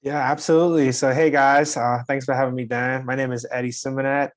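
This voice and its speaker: Flat-voiced young man from the Bahamas. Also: medium pitch, brisk. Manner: easygoing, agreeable, many "you know"s. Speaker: guest, real estate investor. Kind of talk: casual video interview.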